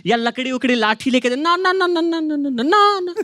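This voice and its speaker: A man's voice: extremely high pitch, lively intonation, normal speed. A young man from Jharkhand doing stand-up, telling chatty, teasing, exaggerated stories. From Jharkhand, India. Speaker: stand-up comedian. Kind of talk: stand-up comedy. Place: studio stage with live audience. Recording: loud studio audience and noise.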